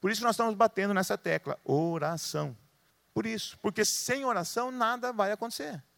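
A man's voice: sits high, brisk, creaky, fairly bright tone, no echo. A middle-aged man with a Brazilian Portuguese accent, preaching a sermon as pastor with emphatic rhetorical questions. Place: church in Londrina, Brazil.

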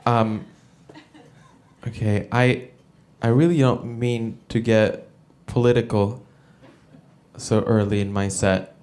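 A man from El Salvador doing a stand-up comedy set, with a halting delivery full of fillers and restarts. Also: fairly low pitch, steady tone, darkish tone. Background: audience laughter.

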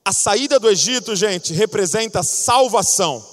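A male preacher delivers an animated sermon and acts out little scenes as he goes. His voice is high-pitched. It rings with the long reverb of a large church hall. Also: moderate pace. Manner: animated storytelling, acting out scenes.

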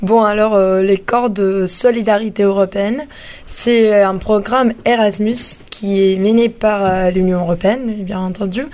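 Mellow-voiced woman. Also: mid-range voice, steady tone, moderate pace. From Spain. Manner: hesitant, explanatory. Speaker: guest, European volunteer. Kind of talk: radio interview answers.

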